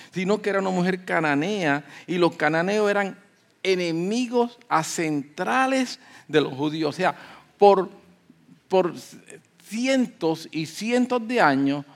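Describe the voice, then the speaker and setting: A man preaching a sermon, moving from calm teaching to loud emphatic peaks and acting out the voices of people in the story. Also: high voice. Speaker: pastor.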